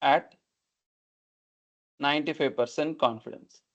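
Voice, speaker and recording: A male lecturer with a higher voice teaches numerical methods in an online class over a video call, questioning students and repeating points to check their understanding. His tone is steady, unhurried, and fairly bright, though the meeting audio is dull and lo-fi.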